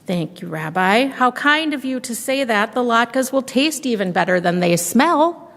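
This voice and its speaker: A woman's voice: expressive, measured pace, long reverb tail. A woman voicing a kindly, chatty grandmother of ninety-seven in a storybook reading. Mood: cheerful. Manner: sweet, chatty, higher and brighter voice.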